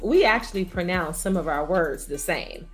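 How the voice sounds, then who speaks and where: A woman's voice: on the low side, lively intonation, normal speed, faint music behind. A woman with a Chicago-area Midwestern accent, a voiceover artist asking playful questions in a casual chat and laughing often. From Gary, Indiana.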